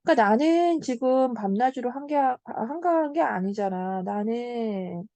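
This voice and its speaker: A young woman tutoring Korean literature in an online lecture, explaining patiently, checking in with the student and slowing down on key terms. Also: a little high, animated, dark tone, no room sound.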